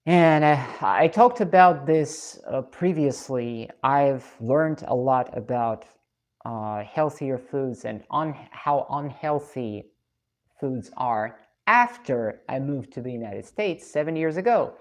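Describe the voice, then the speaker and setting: Lady streamer, super deep voice, chatty and thoughtful, laughs a lot. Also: lively intonation, slow, darkish tone. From Russia. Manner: chatty, reflective, laughs often. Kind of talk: casual live-stream chat reading comments.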